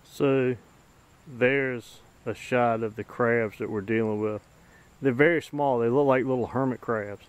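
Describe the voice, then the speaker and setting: A middle-aged man narrating as he films outdoors along a woodland trail. He talks in an easygoing, folksy, plain-spoken way. His pitch sits in the middle for a man, and he is close to the handheld camera mic. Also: steady tone, unhurried. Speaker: bushcraft channel host. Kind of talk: casual narration while filming on a hike.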